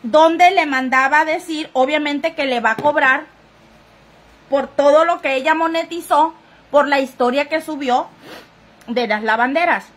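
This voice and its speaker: High-voiced woman gossiping live. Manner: chatty, talking straight to viewers. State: sniffly, runny nose. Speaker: live-stream gossip host. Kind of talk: casual chat reading viewer comments.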